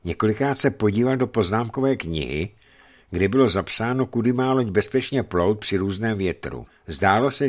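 A man narrating an adventure story in a measured, dramatic reading voice. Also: fairly low pitch. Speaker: audiobook reader.

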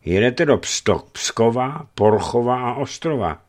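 A man voicing a sleepy, grumpy male gate guard with a hoarse, rough voice. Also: medium pitch, expressive, pitched above the performer's own voice, lightly acted. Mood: gruff. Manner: gruff, suspicious.

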